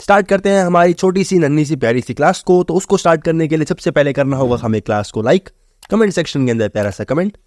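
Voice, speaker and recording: A man runs an online vocabulary class in a friendly, chatty way, checking in again and again with "theek hai". His voice sits a little high for a man. The sound is close and dry, with no room around it. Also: darkish tone, dry recording. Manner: chatty, repeats "theek hai" and "bahut easy hai". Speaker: vocabulary teacher. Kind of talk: online exam-prep vocabulary lesson.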